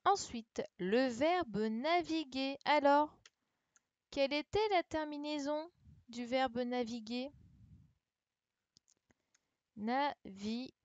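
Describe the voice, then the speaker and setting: A woman with a high voice teaches an online primary class, going over a dictation by spelling letters and making sure everyone follows. She speaks slowly and pauses often. The computer mic on the call captures dull, lo-fi audio without echo.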